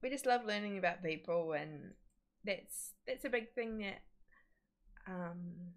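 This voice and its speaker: A woman's voice: fairly low pitch, measured pace. A woman co-hosting a livestream, talking casually in a friendly, chatty way. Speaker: livestream co-host.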